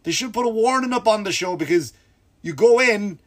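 A man hosting a comedy podcast, ranting animatedly and swearing, with his voice jumping up when he gets worked up. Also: brisk. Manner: animated, swearing, pitch leaps when excited. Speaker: podcast host. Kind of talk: comedic storytelling rant.

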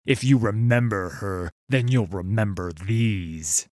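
A grieving gunslinger speaks in a low, strained voice, voiced by a male narrator. He talks slowly and with desperation in a dry, close storybook reading. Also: darkish tone, no room sound. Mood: anguished. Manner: strained, grief-stricken.

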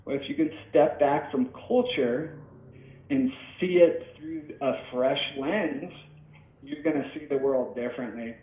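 A man's voice: a little high, expressive, a little slow. Rambling man on an echoey phone line. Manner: rambling and reflective, with frequent restarts. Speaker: podcast guest. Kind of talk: casual podcast talk.

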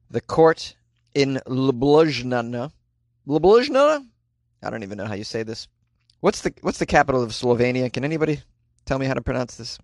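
A man's voice: mid-range voice, no echo. Dry, closet-recorded male comedy podcaster. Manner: sarcastic, self-deprecating. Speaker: podcast host. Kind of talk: casual comedic news commentary.

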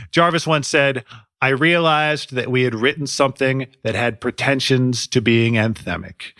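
A man narrates a scripted music podcast in a dry, sardonic, wry manner. His voice sits at a middle pitch. The sound is dead dry and close, with no room at all. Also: a bit bright, dry recording. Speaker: podcast host.

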